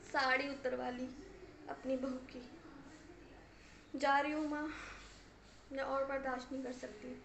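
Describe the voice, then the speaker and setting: A high, reproachful daughter's voice, as a woman acts it out in a family story, scolding her mother and hammering the same words again and again. The sound rings a little in an echoey room. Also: flat delivery, a little slow, vocal fry, long pauses, fairly bright tone, slight background noise, full character voice. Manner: reproachful, emphatic, repeating herself.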